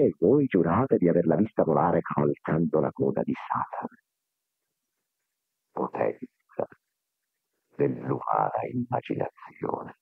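Gravelly man on old worn tape. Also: sits low, dry recording. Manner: slow, deliberate, declamatory oratory. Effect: old worn tape recording. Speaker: spiritual speaker. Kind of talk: solemn spiritual discourse. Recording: tinny, thin 1970s tape recording.

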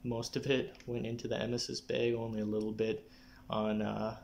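A young adult man talking casually to camera in a personal update, often clearing his throat. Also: medium pitch, level tone, normal speed, a little mellow, slight background noise. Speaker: vlogger giving a personal health update. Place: small living room, indoors. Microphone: phone or camera at arm's length.

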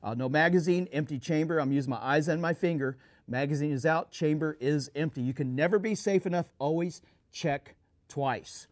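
Higher-pitched middle-aged man, emphatic presenter. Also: normal speed, no echo. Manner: emphatic, instructional, addresses viewers as guys. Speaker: gun show host. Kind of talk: presenting a product review to camera. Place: small studio set, indoors at a table.

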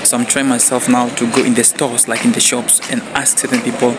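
A young Namibian man in his twenties, a vlogger interviewing people, chats casually into a handheld phone camera held at arm's length as he walks through a shopping mall and car park. His medium-pitched voice is flat and brisk, and he keeps saying "like" and "guys," chuckling often. The casual street-interview vlog is very noisy.

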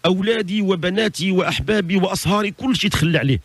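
A man's voice: high-pitched, racing, slightly rough, dry recording, voice pushed up. A man voicing a newly dead man who cries out in dismay, wailing and pleading in a Moroccan Arabic accent. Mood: anguished.

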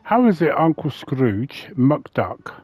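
A man's voice: fairly high pitch, sing-song, takes it slowly, a little mellow, no echo, lo-fi sound. A man giving casual let's-play commentary, thinking aloud and muttering to himself as he plays. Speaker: gameplay commentator. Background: faint game music.

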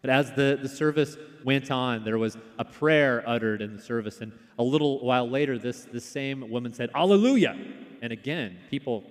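A man preaching a sermon as pastor, telling stories in a relaxed way with frequent fillers and restarts. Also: medium pitch, moderate pace, few pauses. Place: church sanctuary. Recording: long hall reverb in a church.

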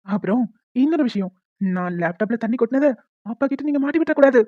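A persuasive, playful young man in a cartoon, voiced by a woman, talking fast in a fairly high voice. The recording is dry and muffled. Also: lively intonation, dry recording. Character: pushy, joking young brother-in-law. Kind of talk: cartoon voice acting.

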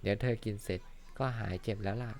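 A man voicing a gentle young cartoon fisherman. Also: on the low side, steady tone, quick pace, close to an everyday voice. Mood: comforting. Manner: soft, caring, reassuring. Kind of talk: Thai fan dub of an animated series.

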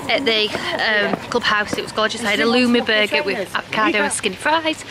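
A woman's voice: mid-range voice, fairly quick, background noise. A woman from England chatting casually to camera as a family vlogger, upbeat and full of ums. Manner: chatty, upbeat, laughs easily, lots of ums. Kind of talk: casual vlog chat to camera.

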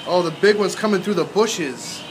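A male voice excitedly narrating a toy dinosaur battle outdoors, recorded on a noisy home video. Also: high-pitched, moderate pace. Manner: excited, dramatic storytelling with mock roars. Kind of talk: playful play-by-play narration.

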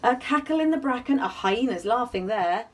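In a small attic room at home, a woman with a high voice tells a picture-book story to young children at a moderate pace, animated and singsong, pausing to ask questions. A camera a short way off picks her up, so the mic sounds distant.

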